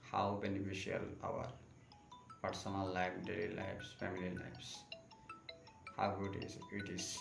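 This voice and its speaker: A Buddhist monk giving a live-streamed Dharma talk in slow, repetitive. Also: male voice, sits low, monotone, creaky, music in the background. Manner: slow, repetitive phrasing in non-native English. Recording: echoey room with faint ambient noise.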